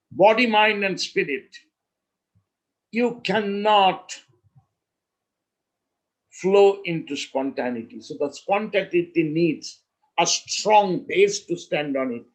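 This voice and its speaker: A man as a spiritual teacher, telling a story in a slow, measured way with emphatic pauses. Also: high-pitched, a bit bright, rough recording.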